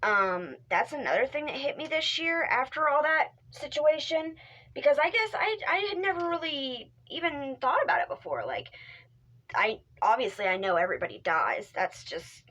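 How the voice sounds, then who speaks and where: A woman's voice: high voice, sing-song, moderate pace, sharp tone, low-quality recording. A young woman vlogging in casual chat, rambling with many fillers and restarts, speaking candidly and swearing now and then. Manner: drops into whispered asides. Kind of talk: casual talk to camera.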